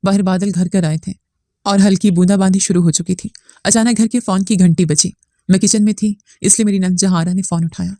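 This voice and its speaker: A woman narrating a first-person family drama story in a steady, somber manner. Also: mid-range voice, brisk, no room sound, clean studio sound.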